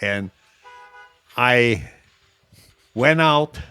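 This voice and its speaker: The same gym owner in his eighties speaks very slowly yet animatedly, his medium-pitched voice bright, forceful and clean. The recording is dry with faint music behind it as he rambles through his stories, quoting others with "I says."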